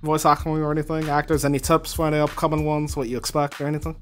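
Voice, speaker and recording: A man's voice: on the high side, level tone, fast, faint music behind. A man hosting a casual podcast about voice acting, speaking in a laid-back way and giving plain advice. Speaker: podcast host.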